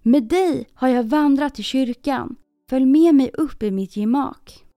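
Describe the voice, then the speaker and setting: A woman's voice: high-pitched, dark tone, no echo, studio quality, faint music behind, pitched above the performer's own voice. A woman voicing an earnest young king's son in a storybook reading, asking probing questions.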